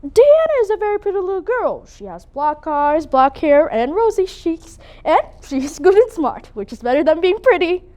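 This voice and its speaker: A woman's voice: very high-pitched, sing-song, moderate pace, hardly any pauses, dark tone. A woman playing a stern, strict older spinster in a competitive interpretation piece, scolding and disapproving. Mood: brisk.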